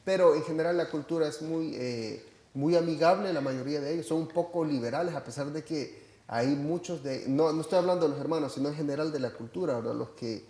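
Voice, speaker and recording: This man's voice sits fairly high and mellow, moving a little fast in a roomy-sounding space. He's Salvadoran and belongs to a church, and he reports on a trip in a casual chat, hesitating and restarting often with plenty of fillers.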